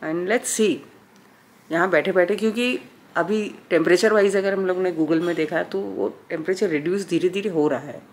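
A woman's voice: fairly low pitch, moderate pace, a little mellow. A woman in her forties chatting casually to her phone camera at home, thinking aloud with many fillers. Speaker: vlogger. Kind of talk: casual vlog talk. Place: home interior. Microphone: phone camera at arm's length.

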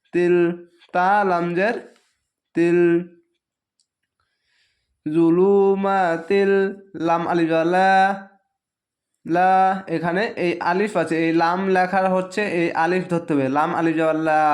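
A man teaching Quran reading in a Bangladeshi Bengali accent, spelling each syllable slowly and patiently in a drawn-out recitation. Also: on the high side. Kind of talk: slow letter-by-letter spelling lesson.

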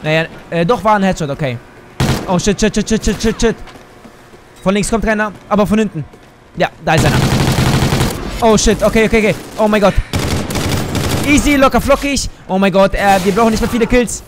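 High-voiced excitable gaming man. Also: fairly quick, pauses often, background noise. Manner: excitable, exclaiming and cursing mid-game. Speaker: gaming YouTuber. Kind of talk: live let's play commentary.

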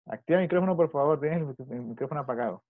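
Speaking rapid-fire at an ordinary middle pitch, a man teaches children English in Spanish over a video call and patiently repeats his questions to them. There's no room sound; his voice comes across very dry, close, dull, and slightly muffled.

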